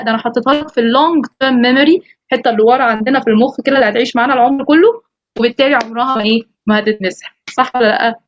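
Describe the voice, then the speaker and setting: A woman English teacher with an Egyptian accent giving a course orientation over a video call, lively and mixing in English phrases. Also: high voice, no room sound, dull audio. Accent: Egyptian Arabic. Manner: lively, quotes students in animated voices, switches into English phrases. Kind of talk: online course orientation talk.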